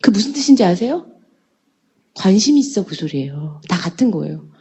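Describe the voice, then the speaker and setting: A woman's voice: mid-range voice, normal speed, husky. A woman giving a motivational seminar talk, acting out the people she quotes and asking her audience questions. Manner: animated, acts out quoted people; addresses audience with rhetorical questions. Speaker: seminar speaker.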